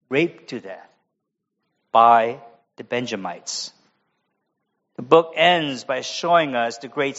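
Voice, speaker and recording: A high-pitched man delivers an expository sermon in an American accent, moving from careful explanation into relaxed, chatty asides. The recording is muffled and lo-fi. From United States. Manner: expository preaching, conversational asides. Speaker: pastor.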